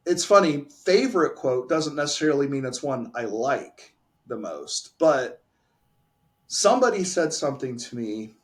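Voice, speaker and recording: Candid man answering interview questions. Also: mid-range voice. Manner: candid, emphatic, restarts phrases. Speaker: pharmacy owner guest.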